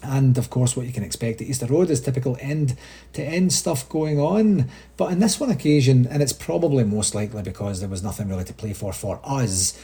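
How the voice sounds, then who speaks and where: A man's voice: mid-range voice, dark tone. A Scottish man hosting a casual solo podcast update, chatty and rambling, with frequent restarts. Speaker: supporters' association podcast host.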